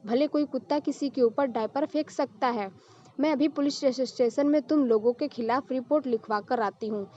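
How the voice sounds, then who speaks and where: A woman voicing a loud, accusing, quarrelsome neighbor woman, on a dull lo-fi recording. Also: high voice, moderate pace, natural voice. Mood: angry. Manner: shouting, accusing.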